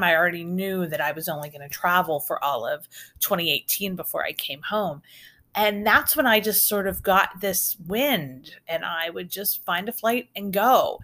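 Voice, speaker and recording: A fairly low yet pushed and bright voice belongs to a middle-aged woman from the United States hosting a casual storytelling podcast. She recounts travel stories in a rambling, chatty way with restarts and asides.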